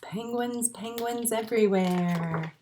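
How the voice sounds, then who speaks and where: Against a noisy background, a woman librarian with a higher-pitched voice reads slowly to young children. She shares picture books and rhymes in simple, encouraging phrases during an animated storytime.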